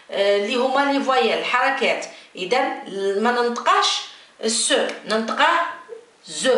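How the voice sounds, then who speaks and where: A woman teacher, slowly spelling out letters and repeating each word. Her voice is bright and lively, rising and falling a lot. She sounds far from the mic in a very echoey room with faint noise. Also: high-pitched. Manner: slow, repeats letters and words, drawn-out explanations. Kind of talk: French lesson for beginners.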